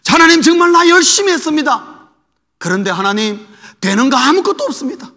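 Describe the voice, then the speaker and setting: A weary prophet pleading, as a preacher puts him on. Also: male voice, extremely high pitch, expressive, brisk, pushed and bright, voice pushed up, exaggerated voice. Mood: pleading lament. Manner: pleading, complaining to God. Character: weary despairing prophet, adult man, lamenting. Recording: echoey hall with long reverb.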